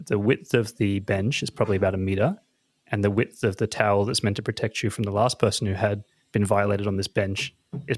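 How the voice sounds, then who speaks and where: A man co-hosting a podcast, telling a comic story in an animated, self-mocking way with frequent laughs. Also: fairly low pitch, no echo. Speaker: podcast co-host. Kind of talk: casual chat, comic storytelling.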